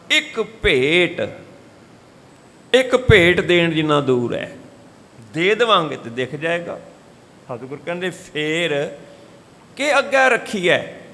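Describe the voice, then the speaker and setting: A man's voice: high voice, sharp tone, in a large hall. A man giving a Sikh scripture talk, telling stories and changing his voice for the people he quotes. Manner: storytelling, shifts voice for quoted speakers. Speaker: katha preacher. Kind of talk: Sikh scripture exposition with sung verses. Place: gurdwara hall.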